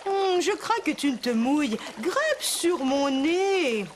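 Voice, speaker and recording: A woman's voice: high-pitched, very animated, slow pace, background noise, full character voice. A woman with a Quebec French accent voicing a sly, cunning fox who sweet-talks in a children's cartoon. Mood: coaxing. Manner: coaxing, sweet-talking.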